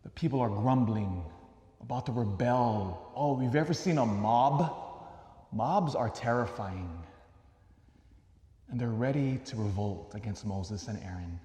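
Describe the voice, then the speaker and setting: A man preaching a homily as a priest, asking questions and moving from loud emphasis to soft asides. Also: mid-range voice, expressive, a little slow. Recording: echoey church hall.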